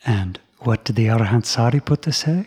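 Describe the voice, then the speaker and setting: A man telling a Buddhist story to children, soft and often dropping into a whisper. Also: medium pitch, lively intonation, fairly quick, breathy edge.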